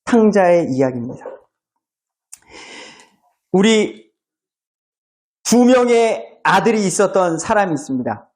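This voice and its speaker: A man's voice: sits high, big pitch swings, slow pace, pauses often, a little mellow. A male pastor preaching a sermon in a church, retelling a story with acted-out voices.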